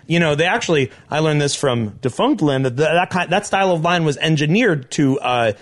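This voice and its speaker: A man's voice: a little high, lively intonation, a little fast. A young man co-hosting a podcast live from a living room, telling a story in a rambling way full of fillers and restarts. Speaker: podcast co-host. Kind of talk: casual storytelling chat.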